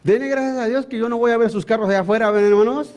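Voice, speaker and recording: Very high-voiced preacher man. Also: fast talker, a little mellow. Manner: emphatic preaching with rhetorical questions to the congregation. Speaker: pastor. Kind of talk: sermon.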